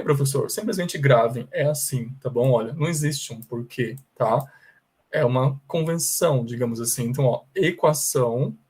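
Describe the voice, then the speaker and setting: A man with a Brazilian Portuguese accent giving a pronunciation lesson, explaining patiently and repeating English words slowly and carefully. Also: medium pitch, darkish tone, slightly rough. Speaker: English teacher.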